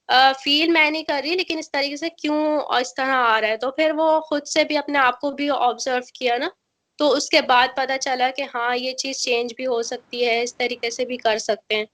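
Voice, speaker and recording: A woman's voice: sits high, fairly even intonation, moderate pace, a bit bright. A young woman with a Pakistani Urdu accent, a voice-over student earnestly talking through what she learned, step by step. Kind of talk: testimonial.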